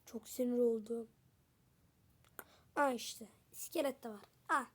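A woman's voice: a little high, measured pace. A woman giving casual gameplay commentary to her viewers, chatty and full of exclamations, getting flustered when danger appears. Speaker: gameplay video creator.

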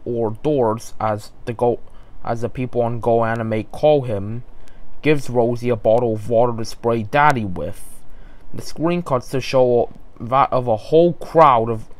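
With a mid-range voice, a man narrates a creepypasta haltingly, stumbling and often starting his sentences over.

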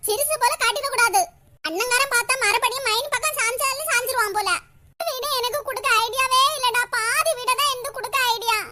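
A woman's voice: very high voice, pushed and bright. Woman doing a crafty whining mother-in-law. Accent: Kanyakumari Tamil. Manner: whining, martyr-like. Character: crafty old mother-in-law, self-pitying and scheming.

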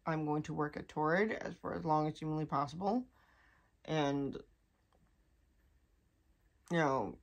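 A young woman talking candidly to her vlog audience, halting and restarting as she holds back tears. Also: deep voice. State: on the verge of crying. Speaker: vlogger.

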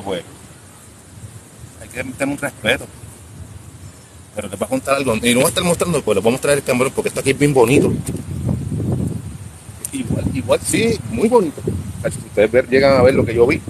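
A man in his fifties with a Puerto Rican accent, rambling casually on a live stream outdoors by a beach, talking to himself and halting when he tries English. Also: medium pitch, noisy background. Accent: Puerto Rican Spanish. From Puerto Rico. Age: 50s.

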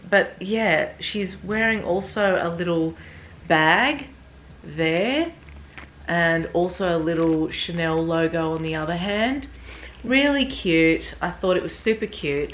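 A woman's voice: fairly low pitch, fairly bright tone, a little hiss or hum. A woman in her thirties chatting enthusiastically to viewers as she unboxes and reviews a bag. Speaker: fashion vlogger. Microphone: camera mic.

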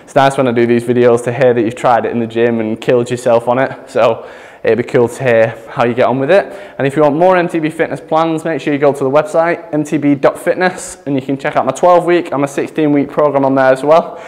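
A chatty fitness coach demonstrates gym exercises while out of breath, laughing at himself along the way. His medium-pitched voice is steady, fairly quick, and a little mellow. The echoey gym adds long reverb.

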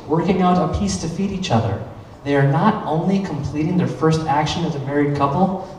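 Upbeat wedding DJ in an echoing barn hall. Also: male voice, fairly high pitch, a little mellow, slight background noise. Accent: Minnesotan. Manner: upbeat, playful announcer. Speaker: wedding DJ and master of ceremonies. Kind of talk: lively emcee patter at a wedding reception. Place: large wooden barn event hall, indoors. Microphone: handheld microphone through the PA, picked up from afar. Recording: echoey hall from far off.

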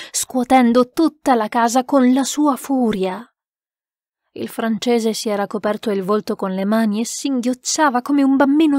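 A woman narrating an audiobook in a tense, measured storytelling manner. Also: fairly high pitch, darkish tone, no room sound, studio quality.

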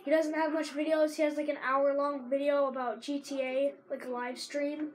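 Her throat is sore, but this teen girl keeps up a casual running commentary on a video game, shouting with excitement at the plays. The voice is high-pitched at a moderate pace, captured in a rough recording.

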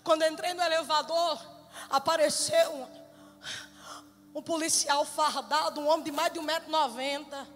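Woman missionary, middle-aged, animated testimony sermon, live hall with faint music. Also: high voice, unhurried. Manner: lively, animated storyteller who laughs and shouts. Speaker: missionary preacher.

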